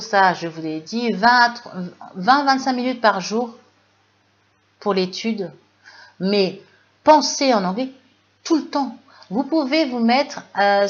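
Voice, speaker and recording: Woman with French accent, English teacher, slow delivery, muffled lo-fi audio, lively webinar. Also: mid-range voice. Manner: lively, animated, many fillers, reads chat questions.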